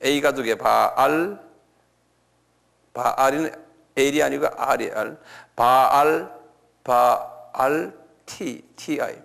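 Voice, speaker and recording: A male pastor delivers a lecture-style sermon, slowly repeating key words and posing questions to his listeners. His mid-range voice carries vocal fry and sounds a bit bright.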